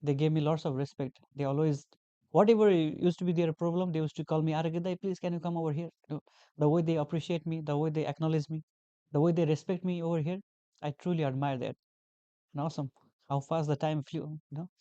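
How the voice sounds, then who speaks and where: A man's voice: fairly high pitch, fairly even intonation, fast, warm tone, clean tone, dry recording, lo-fi sound. A young man from Nepal, a guest talking earnestly in a casual interview, repeating phrases with many fillers. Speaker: guest, graduate teaching assistant.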